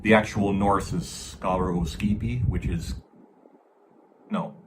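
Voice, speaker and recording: A man giving an informal explanatory lecture, talking haltingly with self-corrections and stressing key words. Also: sits low, fairly even intonation, noisy background. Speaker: lecturer on Norse mythology. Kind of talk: informal explanatory lecture with read-aloud verse.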